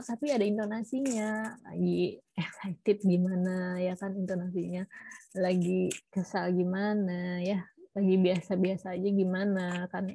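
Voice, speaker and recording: A woman's voice: mid-range voice, warm tone, dry recording. A woman teaching a class on child language development, explaining step by step and often checking in with "ya" and correcting herself mid-phrase. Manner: explanatory, frequent tag "ya", self-corrections. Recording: muffled lo-fi recording.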